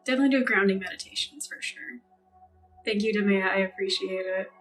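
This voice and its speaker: A woman hosting a live reiki healing stream, chatting casually and gently with viewers and thanking them by name. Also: medium pitch, brisk, far from the mic. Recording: music playing behind, voice a bit off-mic.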